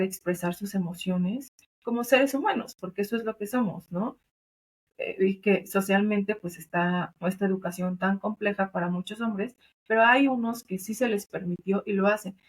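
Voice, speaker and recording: A woman with a Mexican accent, a doula and thanatologist, explaining earnestly in a conversational interview, with many fillers and tag questions. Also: mid-range voice. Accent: Mexican Spanish. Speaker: doula and thanatologist, podcast guest.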